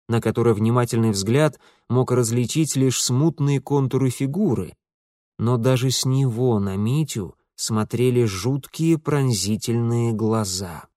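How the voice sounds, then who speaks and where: A man's voice: mid-range voice, no echo, clean studio sound. A man narrating an audiobook expressively, voicing every character himself. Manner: expressive, plays all the voices.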